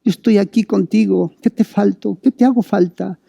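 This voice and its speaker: A man's voice: high voice, steady tone, moderate pace, gravelly, husky, no echo, dull audio, full character voice. A preacher voicing a tender, pleading father. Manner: soft pleading questions. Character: tender grieving father calling his lost child.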